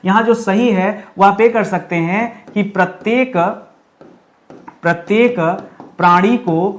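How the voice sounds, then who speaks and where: A man teaching an exam lesson, repeating words slowly while writing and asking and answering his own questions. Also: high-pitched. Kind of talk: classroom-style lesson.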